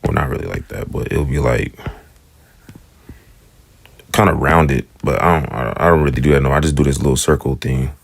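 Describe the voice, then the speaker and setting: Male teacher, extremely low voice, dry close sound, laid-back and meandering, draws sounds out. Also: creaky, no echo. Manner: relaxed, rambling explanations with slow drawn-out sound demonstrations. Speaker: Hebrew teacher. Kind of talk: casual spoken lesson.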